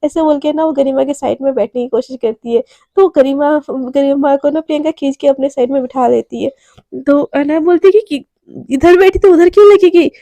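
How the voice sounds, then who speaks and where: High-voiced chatty woman storyteller. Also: brisk, dark tone, no room sound. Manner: chatty, uses many fillers. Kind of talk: casual spoken storytelling.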